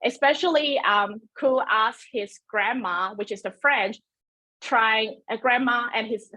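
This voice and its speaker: Presenting a webinar through a computer mic, a Cantonese-native woman talks in a chatty, self-deprecating way full of fillers and restarts. Her voice is on the high side and sharp in tone, and she keeps a measured pace.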